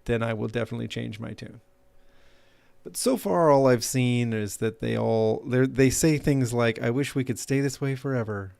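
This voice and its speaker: A man's voice: mid-range voice, gravelly, darkish tone. A man giving casual, self-deprecating gameplay commentary, thinking aloud as he streams. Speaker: game live streamer.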